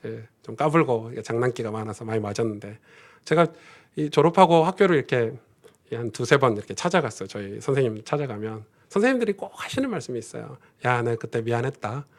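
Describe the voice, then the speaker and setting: A man's voice: expressive, quick pace. A middle-aged man preaching a Sunday sermon as pastor, telling stories and rising into fervent prayer. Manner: storytelling, swells to fervent high-pitched prayer. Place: church sanctuary.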